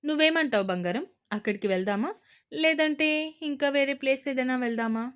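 Woman doing a teasing husband, quick and bossy, bit lower than her own voice, audio story. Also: clear, resonant tone, close to an everyday voice. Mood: cheerful. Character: teasing, confident husband, young adult man.

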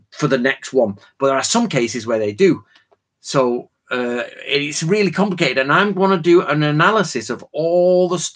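A man's voice: fairly high pitch, a bit bright. Chatty man in his forties. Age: 40s. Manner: rambling, chatty, jumps between tangents; informal slang and frequent fillers. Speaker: host of a live Q&A stream. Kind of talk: casual live-stream Q&A lecture.

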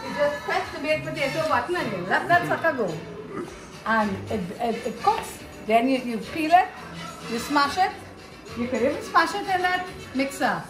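A woman's voice: high voice, expressive, moderate pace. A Trinidadian woman around sixty from southern Trinidad, chatting homely and repeating herself as she shows her cooking. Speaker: home cook. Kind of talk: casual cooking demonstration. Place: home kitchen. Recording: echoey kitchen with music behind.

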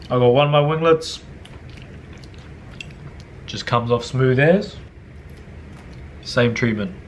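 A young man from New Zealand takes his time over a cooking tutorial in his own kitchen, with slight noise in the background. He's a laid-back cooking vlogger who uses slang, swears casually and often sinks into low mutters.

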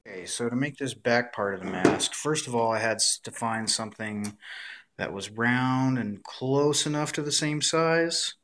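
At a moderate pace and with a fairly bright, mid-range voice, a prop maker talks to camera while unboxing and tutoring viewers on modifying a costume mask. His tone is casual and matter-of-fact as he works at a table indoors, handling clicks and background noise coming through clearly.

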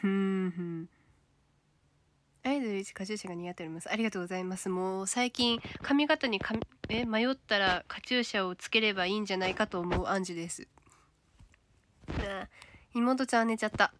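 A woman with a Kansai accent chatting casually on a livestream, reading out viewer comments and now and then dropping to a soft whisper. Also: medium pitch, a little fast, a little hiss or hum. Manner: chatty, reads comments aloud, drops to a soft whisper at times.

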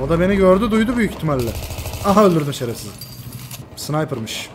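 Excitable high-voiced man commentating a game. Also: fast, background noise. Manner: excitable, swears and shouts at teammates. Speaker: gameplay commentator. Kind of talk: live gaming commentary.

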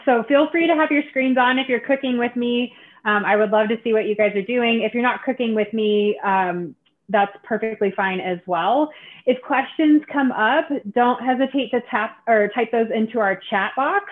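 A woman in her thirties, working as a sports dietitian, explains a recipe to children in an upbeat, instructive way, pausing often on "um." Her voice sits a little high. It comes through a tinny video-call connection from her home kitchen. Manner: friendly, instructive, many "um" fillers. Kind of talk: live online cooking demo for kids.

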